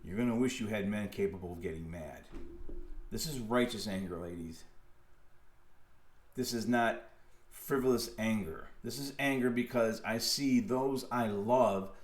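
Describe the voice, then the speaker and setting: A man hosting his own podcast, ranting profanely about government and safety, sliding from low mutters to loud outbursts and often restarting his words. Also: a little slow, reverberant. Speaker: podcast host. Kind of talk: impassioned political monologue.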